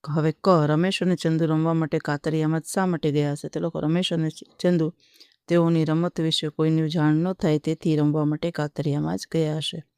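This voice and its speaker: A teacher welcoming students and dictating workbook answers question by question, in a steady, methodical way. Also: medium pitch, normal speed, smooth, no echo, studio quality.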